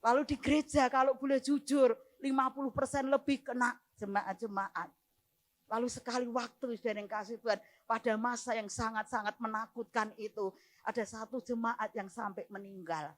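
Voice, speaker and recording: High-voiced Javanese woman preaching emotionally. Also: steady tone, moderate pace. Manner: emotional, laughing and near tears as she retells. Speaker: church minister. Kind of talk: testimony sermon.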